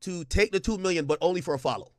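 A man interviewing a guest, cutting in quickly to sum up and clarify the story. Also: high voice, darkish tone, no room sound, clean studio sound. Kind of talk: interview questioning.

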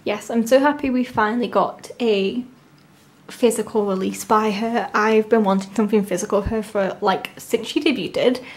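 A woman with a sore, swollen-tonsil voice from tonsillitis, chatting casually and gushing excitedly as she hosts an unboxing. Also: mid-range voice, normal speed. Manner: gushing, enthusiastic. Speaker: unboxing video host.

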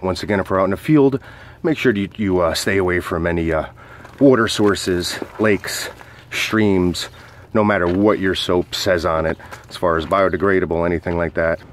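A product reviewer and outdoor coach with a low voice speaks at normal speed, demonstrating gear in a casual, hesitant, step-by-step way. There's a little hiss or hum in the recording.

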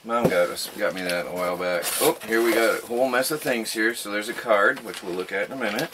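A man's voice: lowish voice, quick pace, noisy background. A middle-aged man in casual chat as a vlogger, laughing often, filmed by a camera across a small wooden cabin living room.

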